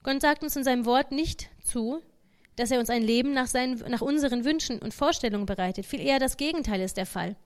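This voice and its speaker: A woman speaks in an earnest, conversational way, like a lay preacher giving a short devotional talk. Her voice sits a little high, and she keeps it plain and direct. Now and then she voices the thoughts of an imagined believer. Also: fairly quick.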